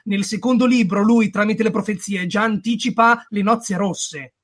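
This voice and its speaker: A man co-hosting a podcast, arguing his point in a heated, animated way and swearing now and then. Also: high-pitched, moderate pace. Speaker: podcast co-host. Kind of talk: heated casual discussion.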